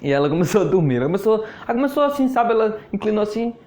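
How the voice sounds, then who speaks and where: Man, fairly high voice, laughing storyteller, roomy echo. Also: very animated, rapid-fire, darkish tone. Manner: chatty, laughs often, repeats words. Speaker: network marketing mentor. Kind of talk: casual anecdote telling. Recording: echoey room.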